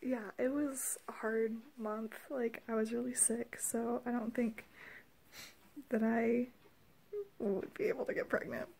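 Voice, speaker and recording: A young woman chatting casually to a phone at arm's length, giggly and often hushed and breathless. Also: fairly high pitch, level tone, a little slow, gravelly, breathy edge. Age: young adult. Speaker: vlogger filming a home video with partner. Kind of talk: casual chat to camera. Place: small indoor room at home. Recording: noisy phone recording with clicks.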